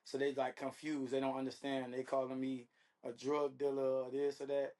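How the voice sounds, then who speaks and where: Speaking at a moderate pace, the man answers interview questions casually as a guest, drawing on his time as a reality dating show contestant, with slang and check-in phrases he keeps repeating. His medium-pitched voice is a little mellow and completely flat.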